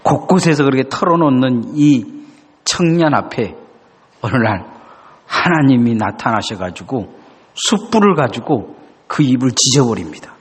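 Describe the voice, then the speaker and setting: Husky-voiced preacher in a reverberant hall. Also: male voice, mid-range voice, very animated, measured pace. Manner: dramatic, voices God's and prophets' questions. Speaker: pastor. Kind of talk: sermon. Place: church sanctuary.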